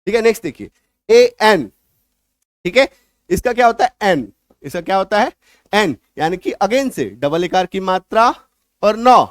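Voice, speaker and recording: A man teaching a spoken lesson to learners, repeating points, checking that they understand and stressing example words loudly. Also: sits high, sing-song, fairly quick, no echo, clean studio sound. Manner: repetitive, coaxing teacher talk that checks the listener understands. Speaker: English teacher.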